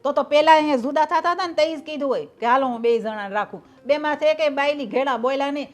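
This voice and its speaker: Brief: a high-pitched, scornful mother-in-law, played by a woman who argues back at her son. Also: fast, faint music behind, close to an everyday voice. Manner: scornful, argumentative. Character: older mother-in-law, defensive and sharp-tongued. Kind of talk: family drama acting.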